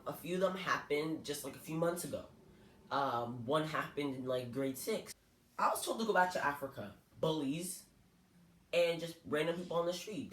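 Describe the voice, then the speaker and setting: A man's voice: a little high, a bit bright. A young man from Canada telling personal stories to camera in an earnest, hurt, candid way. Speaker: vlogger. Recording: echoey room.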